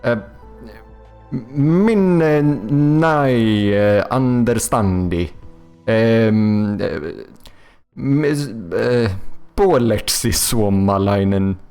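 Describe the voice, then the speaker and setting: With faint music in the background, a young man from Sweden talks in a fairly low, smooth, darkish voice, drawing out his words expressively. His casual game development stream chat is profane and rambling, full of fillers like "um" and "like" and frequent restarts.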